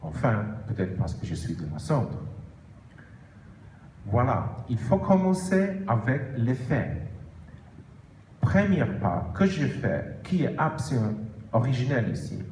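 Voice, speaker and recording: A man with a foreign, non-native accent in French gives an explanatory presentation as an author, haltingly, correcting himself and stressing key words. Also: medium pitch, very animated, darkish tone. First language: not French. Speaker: author presenting own book. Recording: roomy echo with faint background noise.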